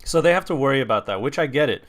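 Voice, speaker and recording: A man's voice: medium pitch, very fast. A young man co-hosting a podcast, venting bluntly with frequent swearing in casual chat. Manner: blunt, profane, animated venting. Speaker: podcast co-host.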